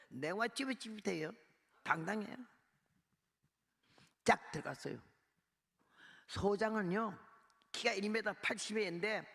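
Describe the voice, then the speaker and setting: A woman in her eighties, a missionary preacher, giving a lively testimony sermon with a gravelly voice and acting out the people in her story. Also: mid-range voice. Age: 80s. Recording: long hall reverb.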